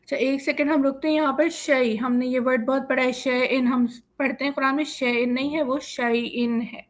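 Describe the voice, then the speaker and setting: A woman with a slightly raised voice leads a Quran reading class, pronouncing each syllable slowly and clearly. She explains each rule patiently and step by step, as if speaking over a video call. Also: high-pitched, level tone. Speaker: Quran teacher. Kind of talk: slow syllable-by-syllable drilling lesson.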